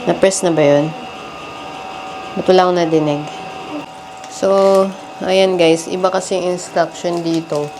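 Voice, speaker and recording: Filming her family's trip, a woman walks viewers through a hotel laundry room and a convenience store, chatting and repeatedly calling them "guys." Her lowish voice is flat and a little slow, broken by long pauses, and the handheld recording is noisy.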